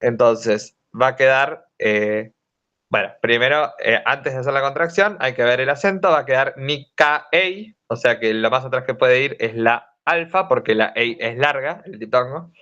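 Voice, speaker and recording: A young man with a Rioplatense accent leads a casual study group over a video call, talking at a middle pitch. He works through each point step by step, with plenty of fillers and hesitations. The call audio sounds dull and lo-fi. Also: moderate pace, bright, forceful tone. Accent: Rioplatense Spanish. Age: young adult. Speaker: student tutor. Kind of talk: informal study-group lesson.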